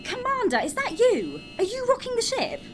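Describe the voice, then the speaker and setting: Woman as a prim earnest astronaut, slightly indignant, high voice, very wide pitch swings. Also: big pitch swings, moderate pace, fairly bright tone, soft background music, exaggerated voice. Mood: alarmed. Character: earnest, prim female astronaut crew member.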